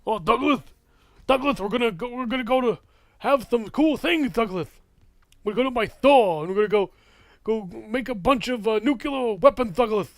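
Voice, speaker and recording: A man's voice: extremely high pitch, lively intonation, moderate pace, no echo, clean studio sound. A man voicing a pompous, middle-aged male cartoon neighbor who rambles grandly. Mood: grandiose. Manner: grand, rambling, repeating a name. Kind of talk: cartoon voice impression.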